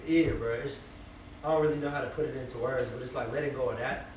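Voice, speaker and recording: A man's voice: mid-range voice, fairly even intonation, fast, a little mellow. Bay Area guy in his twenties, loose reflective chat, roomy echo, distant noisy mic. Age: 20s. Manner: loose, reflective, many fillers and "you feel me". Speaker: rapper guest. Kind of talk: casual interview chat.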